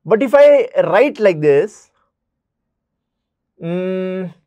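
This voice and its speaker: Lively math teacher. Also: male voice, high-pitched, drawn-out words, dry recording, lo-fi sound. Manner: repeats key points, addresses students directly. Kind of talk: classroom math lesson.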